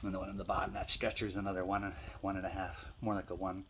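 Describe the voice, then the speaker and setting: A man's voice: sits low, completely flat delivery, a bit bright, a little hiss or hum, poor audio. A man showing his woodworking projects in his home garage, talking casually to a handheld phone camera with fillers and restarts. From Northeastern Pennsylvania. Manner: plain, unhurried, with fillers and restarts. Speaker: hobby woodworker. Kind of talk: casual show-and-tell vlog.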